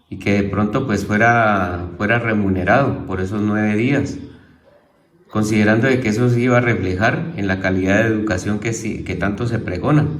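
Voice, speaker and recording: A man, a teacher, presenting a theology homework lesson in a halting way, correcting himself and repeating key terms as he explains them. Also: lowish voice, reverberant. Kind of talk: informal spoken lesson.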